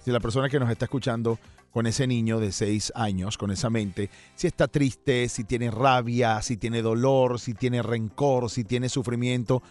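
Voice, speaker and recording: A man in his forties hosting an interview program, calmly recapping and asking questions. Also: mid-range voice, moderate pace, soft background music. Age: 40s. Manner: calm, recapping, frequent listening sounds. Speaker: radio host.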